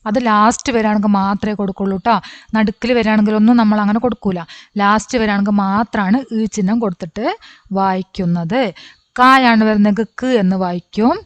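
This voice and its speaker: A woman's voice: mid-range voice, steady tone, fairly quick, dry recording, lo-fi sound. A woman with a Malayali accent, a native Malayalam speaker, patiently explaining a Hindi poem, sounding out words syllable by syllable. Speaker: Hindi teacher.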